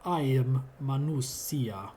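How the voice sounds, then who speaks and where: A man's voice: takes it slowly, warm tone, natural voice. A man reading as a menacing iron lion automaton. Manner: grating rumble, lordly and threatening.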